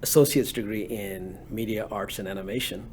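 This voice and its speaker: A man from Bangladesh in his forties, answering interview questions in a relaxed, rambling way with many fillers. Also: on the low side, moderate pace, a little hiss or hum. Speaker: guest entrepreneur.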